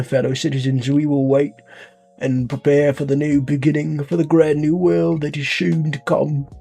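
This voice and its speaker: A man voicing a grandiose male leader of an underground city, in a put-on British accent and a booming, rousing manner. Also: gravelly, mellow, lightly acted.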